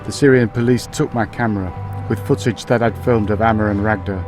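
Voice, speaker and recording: Measured male documentary narrator. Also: fairly low pitch. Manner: calm, measured storytelling. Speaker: documentary filmmaker. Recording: roomy sound with music behind.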